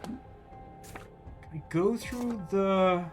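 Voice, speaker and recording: A game streamer with a high-pitched male voice offers casual live commentary, thinking aloud in a rambling, wry manner. He speaks very slowly, and faint music plays behind him.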